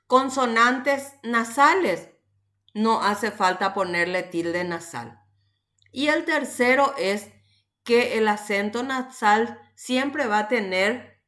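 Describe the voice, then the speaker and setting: In a recorded online class, a woman teacher explains grammar rules slowly and patiently, often checking in with her students. Her pitch is fairly high and her tone fairly bright.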